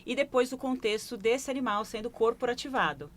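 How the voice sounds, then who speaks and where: A woman's voice: fairly high pitch, animated, a little fast. A woman with a Brazilian Portuguese accent, a leadership consultant explaining her work in a broadcast studio interview and often checking in with short questioning asides. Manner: reflective, tags phrases with questioning asides.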